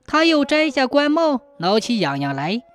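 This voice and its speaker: A woman narrates an old folk tale with lively, expressive delivery. Her voice sits a little high for a woman. Quiet background music runs beneath her reading. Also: moderate pace. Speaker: storyteller.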